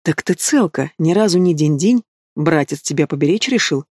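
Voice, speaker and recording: A cold, menacing young man full of cynical mockery, as a male narrator puts him on. He talks in a slightly high, clipped voice, close and dry with no room around it. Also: expressive, normal speed, darkish tone, no room sound. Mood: mocking, threatening. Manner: cold, mocking, threatening.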